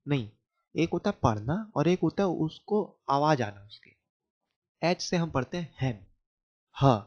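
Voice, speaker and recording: Indian male teacher, mid-pitched, very slow and patient with kids, dull lo-fi recording. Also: darkish tone. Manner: explains patiently, asks questions back to kids. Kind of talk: slow phonics lesson for children.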